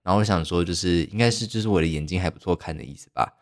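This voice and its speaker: A man's voice: sits low, rapid-fire. A young man, hosting a podcast and telling a story casually, rambling and poking fun at himself with lots of fillers. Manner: rambling, self-mocking, heavy use of fillers. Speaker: podcast host.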